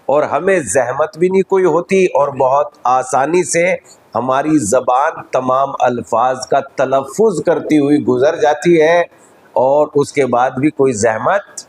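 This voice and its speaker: A man with an Indian Urdu accent, a cleric giving a measured, teacherly religious lecture at a majlis. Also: mid-range voice, slightly rough, low-quality recording.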